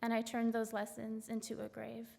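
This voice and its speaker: This poet's voice is slightly high, gravelly, and darkish, delivered in a monotone on a reverberant auditorium stage with faint background noise. She introduces her poems with halting asides thick with fillers, then reads them in a measured way.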